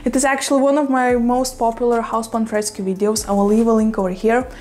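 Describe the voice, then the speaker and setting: A woman with a strong Russian accent chats to her camera at home. Her voice sits a little high. She talks loosely and laughs easily, filling gaps with "you know" and "right?". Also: little pitch movement, fast talker, a little mellow. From Lithuania. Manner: chatty, laughs often, says "you know" a lot. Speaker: plant vlogger. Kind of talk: casual vlog chat. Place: home room with plants.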